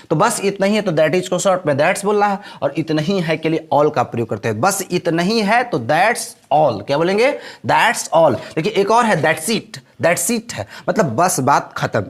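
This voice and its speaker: A man teaching spoken English, explaining in Hindi and repeating each example phrase slowly like a classroom drill. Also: sits high.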